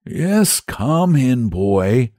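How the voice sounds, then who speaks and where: A man's voice: a little high, big pitch swings, measured pace, dry recording, studio quality, pitched above the performer's own voice. A man voicing a courteous, somewhat pompous knight in a raised, declaiming voice. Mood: grand, kindly. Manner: grand and courteous. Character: kindly, pompous knight-saint, adult man.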